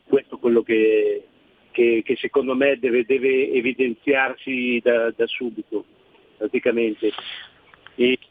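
A man from Milan calling in to a radio show over a phone line, asking his question haltingly with many fillers and repeated words. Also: mid-range voice, flat delivery, no echo. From Milan, Italy. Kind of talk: casual call-in question. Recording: tinny dry phone line.

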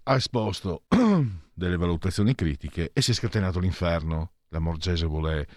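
A man's voice: sits low, animated, normal speed, darkish tone, no room sound, clean studio sound. A man hosting a radio talk show, giving opinionated commentary in a hesitant, conversational way full of fillers.

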